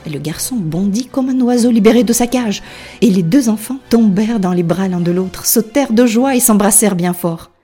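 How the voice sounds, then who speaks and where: A woman reading a fairy tale aloud in a soft, half-whispered narration. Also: mid-range voice, normal speed, slightly rough, soft background music. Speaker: storyteller.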